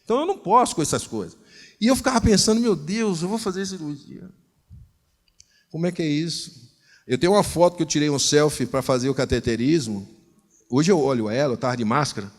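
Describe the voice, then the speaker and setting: A man preaching with a Brazilian accent, telling a story in a lively way and acting out the voices in it. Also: fairly high pitch, brisk. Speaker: pastor. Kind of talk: storytelling sermon. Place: church hall. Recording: long reverb in a church hall.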